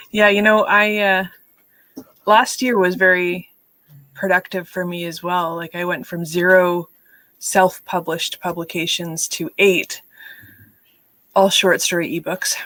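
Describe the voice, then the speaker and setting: A woman's voice: on the low side, level tone, slow, long pauses, fairly bright tone, no room sound, rough recording. A middle-aged woman hosting a live writing stream, chatting casually, telling stories and laughing often. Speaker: host of live writing sprints. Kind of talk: casual livestream chat.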